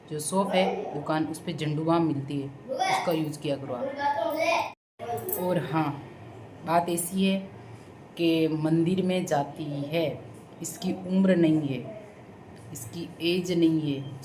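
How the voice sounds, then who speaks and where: Blunt, low-voiced woman vlogger. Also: noisy background. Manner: blunt, defiant, sarcastic. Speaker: vlogger answering viewer comments. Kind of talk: casual talking-to-camera vlog.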